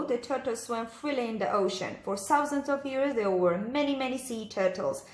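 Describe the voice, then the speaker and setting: A woman reading a storybook aloud to young children, talking to them directly in an exaggerated sing-song way. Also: mid-range voice. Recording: echoey room.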